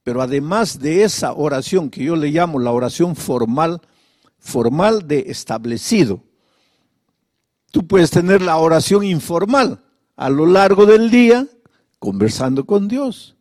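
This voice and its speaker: A pastor preaches in a notably high voice, driving his points home with rapid rhetorical questions and sometimes sinking to a quiet, confiding murmur. He was recorded close and dry, with no room sound around him. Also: animated, dry recording. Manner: drops to a soft, confiding tone. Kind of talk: sermon.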